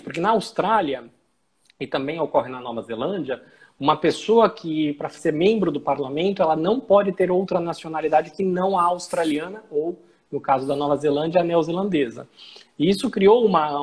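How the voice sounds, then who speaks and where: A man with a Brazilian accent explaining legal points in conversation, pausing often with fillers as he searches for words. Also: fairly high pitch, a little mellow, husky. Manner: explanatory, hesitant with frequent fillers.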